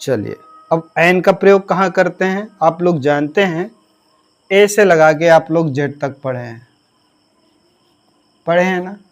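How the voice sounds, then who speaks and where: A man teaching a grammar lesson in a high, light voice. He talks at an unhurried, steady pace and spells out each word letter by letter. He keeps asking his students questions, then answers them himself. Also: soft background music. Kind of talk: classroom lesson explaining grammar rules.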